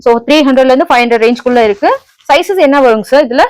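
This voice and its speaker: A woman's voice: sits high, very fast. A native Tamil woman with a Tamil accent, presenting a shop tour casually and repeating back what she is told. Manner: echoes the other speaker's words. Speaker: interviewer presenting a wholesale shop.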